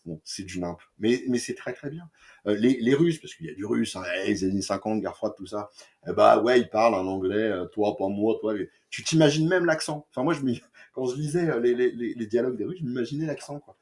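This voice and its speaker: A man's voice: medium pitch, a little fast, darkish tone. A man chatting casually about comics he bought, rambling with lots of fillers, restarts and crude slang. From France. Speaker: comic book reviewer. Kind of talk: casual review chat.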